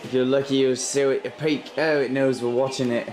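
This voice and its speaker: A man playing a deadpan wildlife documentary narrator in a comic spoof. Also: mid-range voice, a little fast, close to an everyday voice. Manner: deadpan, flat spoof commentary. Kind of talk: comic nature-documentary parody.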